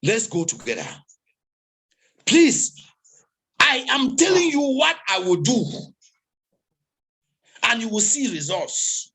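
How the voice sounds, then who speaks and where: A man's voice: very high voice, wildly swooping pitch, slow, pauses often, pushed and bright, husky. A man hosting an online meeting, giving a preachy motivational talk to the crowd over a video call. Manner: preachy, exhorting crowd, repetitive.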